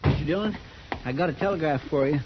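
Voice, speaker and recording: High-pitched folksy sidekick Chester, played by a man. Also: quick pace, close to an everyday voice. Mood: baffled. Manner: folksy, indignant, stubborn. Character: loyal, fretful, folksy deputy sidekick of the marshal. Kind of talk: 1950s radio western acting. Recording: dull, noisy 1950s radio recording.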